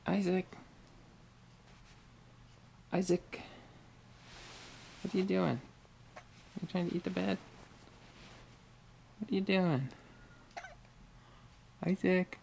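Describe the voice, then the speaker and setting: A woman coaxing a baby in soft, sing-song baby talk in a home video, filmed with a handheld camera on a bed at home. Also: fairly low pitch, fairly even intonation, takes it slowly, creaky, long pauses, slight background noise. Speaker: parent talking to a baby. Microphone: handheld camera mic.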